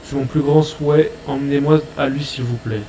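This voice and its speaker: A man reading aloud the lines of a pleading, excitable pirate who idolizes a captain, in a comic reaction video. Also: medium pitch, normal speed, reverberant, distant mic, slight background noise, natural voice, low-quality recording. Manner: eager and pleading.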